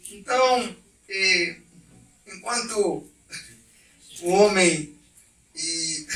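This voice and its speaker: A male pastor from Brazil preaching an impassioned sermon, swinging from quiet to loud. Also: high-pitched, distant mic. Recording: echoey church heard from off mic.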